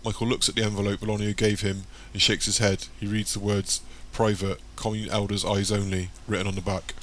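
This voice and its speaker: A man narrating an audiobook with a fairly low voice. His reading is plain and steady, and a faint hiss sits under it. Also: quick pace. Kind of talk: scripted narration.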